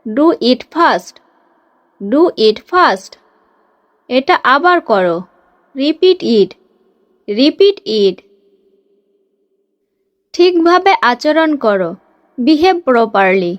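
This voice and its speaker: Brief: high-voiced woman teacher, drilling short phrases in a dry close recording. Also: big pitch swings, dry recording, highs cut off. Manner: reads each Bengali phrase briskly, then says the English slowly twice. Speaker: English teacher.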